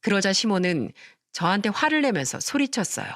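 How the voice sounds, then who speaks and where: Expressive woman narrating a story. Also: mid-range voice, a little fast, dry recording, clean studio sound. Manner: expressive storytelling, acting out quarrels. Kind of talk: first-person story narration.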